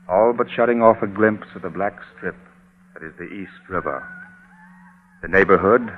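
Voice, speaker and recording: A man narrating a scripted 1930s-style radio drama in a measured, atmospheric storytelling manner. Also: low voice. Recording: muffled phone-like old radio recording.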